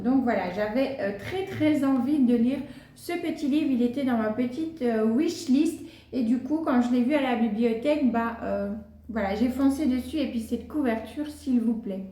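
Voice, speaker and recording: A woman's voice: high-pitched, mellow. A woman in her thirties or forties chatting casually through a book haul, with many hesitant fillers. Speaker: book vlogger. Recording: roomy echo.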